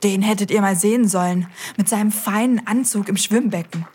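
Cheerful, slightly husky woman host. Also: medium pitch, a little fast, darkish tone. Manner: cheerful, talks straight to the children. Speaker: children's show host. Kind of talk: scripted children's audio show.

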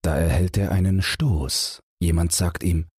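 A man narrating a bedtime audiobook in a low, husky voice, slow and unhurried. The reading is gentle and measured, recorded close and dry with no room sound. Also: fairly even intonation, dry recording.

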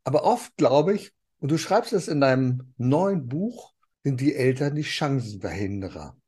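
A man's voice: mid-range voice, lively intonation, a little slow, dark tone, slightly rough. A man hosting an interview, who also advises founders, asking enthusiastic and mildly provocative questions. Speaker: interview host, business advisor. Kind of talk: conversational interview.

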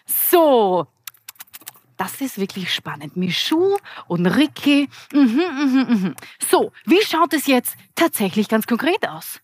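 Austrian woman, 40s, sales trainer at a keynote; fairly high, very animated voice, dry close sound. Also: slow pace. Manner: lively, energetic, addresses the audience directly. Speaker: business trainer and keynote speaker. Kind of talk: interactive keynote talk. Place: event hall with live audience.

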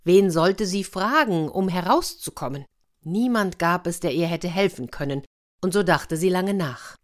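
A woman reading a fairy tale aloud for children, lively, with confiding asides to her young listeners. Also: fairly low pitch, measured pace. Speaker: storyteller.

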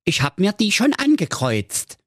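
A man's voice: huge pitch swings, unhurried, no echo, studio quality, full character voice. A man voicing a cheeky, whiny young Aladdin, brash and cursing. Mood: defiant. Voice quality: squeaky, shrill put-on voice.

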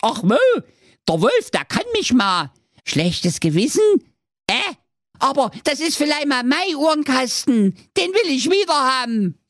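A brash little goat kid rattles off its confession in a squeaky, sky-high voice, put on by a man telling a comic fairy tale. The sound is close and dry, with the pitch leaping about. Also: big pitch swings, a little slow, a bit bright, dry recording, heavily acted. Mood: defiant. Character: smallest little goat kid, cheeky and foul-mouthed. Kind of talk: comic storytelling.

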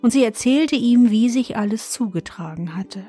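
A woman reading a fairy tale aloud in a gentle, measured storybook manner. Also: fairly high pitch, expressive, slightly rough, soft background music.

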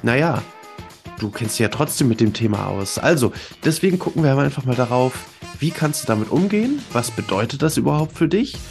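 Congested man hosting a higher-pitched solo podcast. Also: very animated, brisk, vocal fry, a little mellow, soft background music. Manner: emphatic, conversational coaching with rhetorical questions. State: congested with a cold. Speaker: podcast host. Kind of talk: informal solo podcast talk, addressing listeners directly.

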